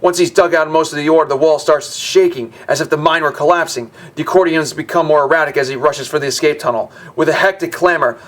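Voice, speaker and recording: A man's voice: on the high side, quick pace, hardly any pauses, fairly bright tone. A man hosting a gaming video, reading game lore aloud and breaking off for chatty, wry asides.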